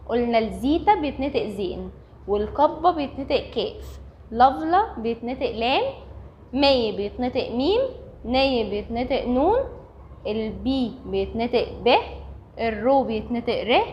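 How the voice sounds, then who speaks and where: A woman's voice: on the high side, slight background noise. A woman with an Egyptian Arabic accent, teaching a recorded language lesson and patiently repeating each point step by step. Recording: dull lo-fi recording.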